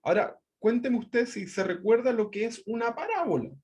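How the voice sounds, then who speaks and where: His voice is very high with lively intonation and a darkish tone, and he speaks at a moderate pace. The man, who has a Chilean Spanish accent, is teaching a Bible class online via video call, repeating points and checking in with "¿verdad?".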